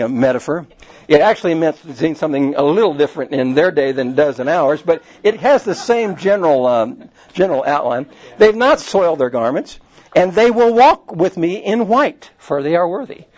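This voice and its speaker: Male pastor, fairly high voice, chatty and digressive delivery, slightly dull lo-fi recording. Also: darkish tone. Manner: conversational, digressive, with frequent restarts. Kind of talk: sermon.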